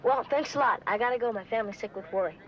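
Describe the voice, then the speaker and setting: A woman's voice: on the high side, very fast, loud music behind the voice, natural voice. A woman playing a sassy, defiant teenage girl with a blunt, wisecracking way of talking in a 1970s TV drama. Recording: muffled, faintly noisy old TV soundtrack.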